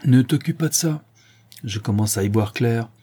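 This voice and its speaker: A man reading the part of a commanding, ironic gentleman thief in an audiobook, grave and mocking. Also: medium pitch, normal speed, slightly rough, pitched above the performer's own voice, close to an everyday voice. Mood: stern.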